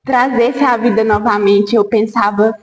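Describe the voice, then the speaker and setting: A woman hosts a podcast, talking through her own experience and offering soft words of support. Her voice sits a little high and is picked up from some way off the mic. The recording has a roomy, hall-like echo. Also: fairly even intonation, normal speed. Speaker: podcast host. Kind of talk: conversational sharing. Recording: distant voice in an echoey hall.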